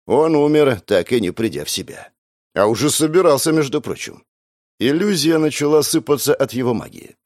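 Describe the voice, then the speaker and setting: A man narrating an audiobook, acting out the characters' lines with shouts and whispers. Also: medium pitch, lively intonation, moderate pace, no room sound, studio quality. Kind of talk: dramatized audiobook reading with acted dialogue.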